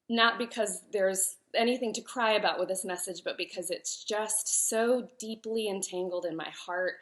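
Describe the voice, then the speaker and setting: Her medium-pitched voice is creaky with a touch of brightness as this thirtysomething author and host speaks candidly on a live stream about her work and personal life. At times tearful, her voice catches, and she rambles personally with frequent fillers and self-corrections.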